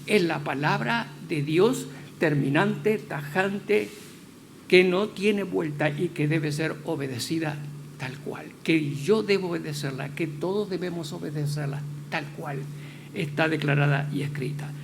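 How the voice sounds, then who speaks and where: Emphatic man preaching, high voice. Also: vocal fry, background noise. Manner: emphatic, stresses key words slowly, rising to loud declarations. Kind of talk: sermon. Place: church.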